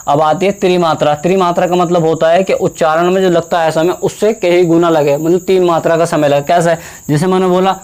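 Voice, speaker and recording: In this Hindi grammar lesson, a young male teacher quizzes the class, then supplies the answers on his own, repeating important terms and slowly drawing out vowels as examples. He speaks in a high, steady voice that is clean and slightly mellow.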